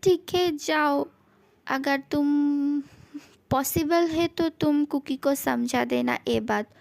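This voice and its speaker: A woman reading a young husband who begs and whines for forgiveness, in a high voice. He draws out every plea slowly, like a homemade storytelling recording. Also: creaky, darkish tone, exaggerated voice. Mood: pleading. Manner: whiny, begging. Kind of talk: fan-fiction voice acting.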